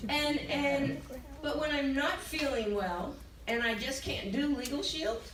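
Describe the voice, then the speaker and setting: A woman's voice: sits high, fairly even intonation, measured pace, crowd noise. An older woman telling her own story to a training audience, candid and emotional, often laughing as she recalls things. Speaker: speaker at a sales training event. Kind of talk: personal testimony to an audience. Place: large meeting room with an audience. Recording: echoey hall, mic from far off.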